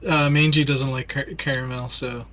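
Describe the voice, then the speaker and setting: A young man with a bright, forceful voice at a middle pitch, chatting loosely during a gaming stream. He jokes around, swears freely and laughs at his own stories. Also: flat delivery, moderate pace. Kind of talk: casual gaming chat.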